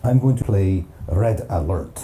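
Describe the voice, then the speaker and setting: A man's voice: low-pitched, lively intonation, unhurried, warm tone, a little hiss or hum. A man narrating a solo board game campaign, counting dice aloud in a chatty, self-mocking way. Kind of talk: casual play-through narration.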